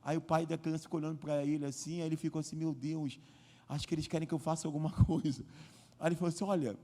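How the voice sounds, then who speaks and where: A man preaching a sermon at a live church service, telling a story and acting out the quoted lines, growing louder as he goes. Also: fairly high pitch, little pitch movement, racing. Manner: storytelling, acts out quoted lines, builds in volume. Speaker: pastor. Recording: live church hall reverb.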